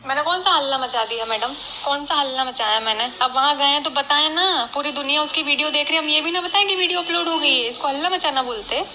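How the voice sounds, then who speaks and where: A woman's voice: high voice, fast talker, hardly any pauses, noisy background. A woman in a recorded voice message, speaking confrontationally and firing off rhetorical questions. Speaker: other party in the dispute.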